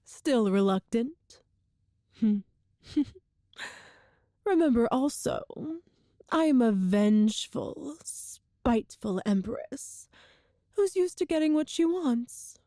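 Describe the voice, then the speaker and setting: A woman voices a wicked empress for an ASMR roleplay, cruel and seductive, every word imperious and deliberately menacing with a note of amusement. Her high-leaning voice is expressive and mellow, recorded at studio quality with no room sound.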